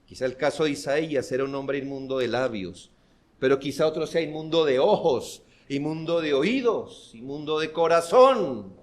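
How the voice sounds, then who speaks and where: A man preaching a sermon as pastor, earnest and building to forceful emphasis. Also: on the high side, normal speed. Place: church.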